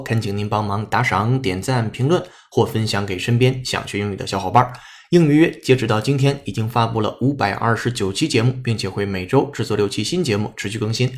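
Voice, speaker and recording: A man's voice: medium pitch, a little mellow. A man teaching English on a podcast, explaining sentences patiently with frequent "ah" and "uh" fillers.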